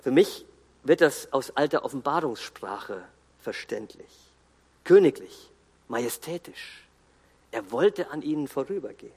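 A man preaching a sermon in an earnest, emphatic way, pausing and restarting as he builds his points. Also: mid-range voice, expressive, darkish tone, slightly rough. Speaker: guest preacher. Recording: long hall reverb.

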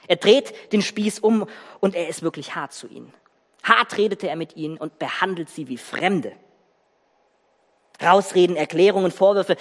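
A preacher giving a sermon in a church, telling the story with lively emphasis and speaking directly to the listeners. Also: medium pitch, in a large hall.

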